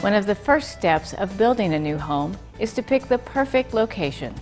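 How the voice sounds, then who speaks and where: A woman's voice: medium pitch, lively intonation, normal speed, over music. A woman reading scripted promotional narration as the narrator of an infomercial.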